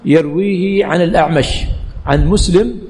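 A man's voice: fairly high pitch, moderate pace, darkish tone, big-room sound. A male religious teacher giving a classroom lecture, quizzing the students with questions that he answers himself and repeating key phrases.

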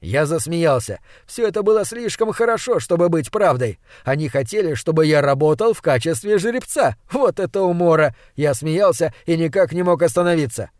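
Dude reading an audiobook, snarky crude storyteller, slightly high voice, dry close mic. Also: male voice, lively intonation, normal speed, hardly any pauses, a little mellow, no room sound. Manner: sardonic, crude first-person telling. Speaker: narrator. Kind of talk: audiobook narration.

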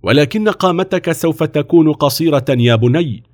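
Brief: man doing a stern officer in a children's story, loud firm orders. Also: on the high side, moderate pace, pitched above the performer's own voice, close to an everyday voice. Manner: stern, commanding. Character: stern male army officer, firm and mocking.

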